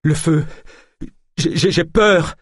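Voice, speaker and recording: A man's voice: a little high, sing-song, slow pace, husky, no room sound, clean studio sound, voice pushed up, heavily acted. A man voicing a panicky, terrified young man who stammers and cries out in an audiobook. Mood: frightened. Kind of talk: audiobook character voice.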